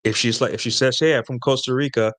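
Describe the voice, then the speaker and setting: Casual male host, mid-pitched, loose and rambling, keeps tossing in "right?" while giving dating tips. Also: steady tone, quick pace, fairly bright tone. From Latin America. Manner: rambling, conversational, frequent "right?" tag questions. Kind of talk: casual dating advice talk.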